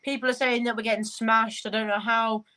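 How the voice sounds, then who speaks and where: A young woman hosts a live football reaction stream and keeps up a running commentary. She passes on what her chat is saying, in a fairly high voice. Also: level tone, fairly quick, crowd noise, low-quality recording. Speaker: vlogger host.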